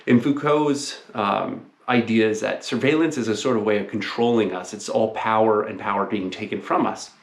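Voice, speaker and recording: A man's voice: lowish voice, moderate pace, few pauses. A man lecturing informally as a college teacher, explaining things to his class in a conversational way. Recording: roomy, echoing sound.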